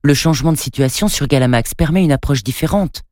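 A man voicing a calm, reassuring professor in a storybook. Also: a little high, quick pace, no room sound, natural voice. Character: kindly older male professor, calm.

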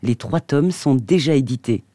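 Radio guy reading a book excerpt, mellow darkish voice, dry close mic. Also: medium pitch, animated, moderate pace, no echo. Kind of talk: reading a novel excerpt aloud.

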